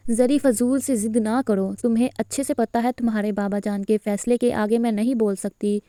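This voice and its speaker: Woman reader doing a gentle worried mother in an audio novel, mellow smooth tone. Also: on the high side, steady tone, dry recording, clean studio sound, close to an everyday voice. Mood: soothing. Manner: soothing, anxious. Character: worried middle-aged mother, gentle but helpless.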